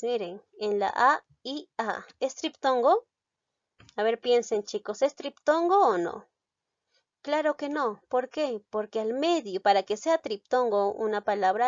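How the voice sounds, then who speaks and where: A woman's voice: on the high side, no echo, dull audio. Patient teacher woman, dry sound. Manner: patient, questioning students step by step. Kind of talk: grammar lesson explaining vowel rules.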